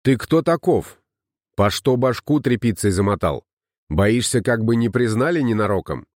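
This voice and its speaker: A man's voice: medium pitch, expressive, normal speed, a little mellow, dry recording, studio quality, natural voice. A man reading an audiobook, voicing a burly, bullying village headman who blusters and threatens. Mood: angry.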